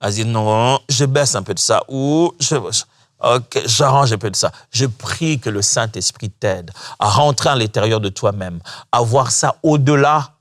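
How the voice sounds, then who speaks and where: A man preaching a sermon as a pastor, lively and expressive, acting out the voices he quotes and laughing between points. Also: mid-range voice, unhurried.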